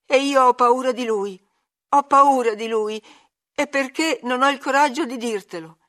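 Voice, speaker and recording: A woman's voice: high-pitched, moderate pace, fairly bright tone, pitched above the performer's own voice. A woman reading an audiobook, voicing a frail, frightened young man who speaks in a broken, pleading voice. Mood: terrified.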